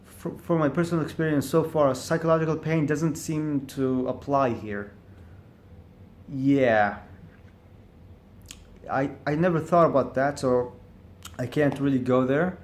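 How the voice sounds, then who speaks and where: Talking alone to camera in a reflective vlog, a man with a mid-range voice speaks at a measured pace and pauses often. He stutters on repeated syllables and restarts frequently, hesitant and searching as he thinks aloud.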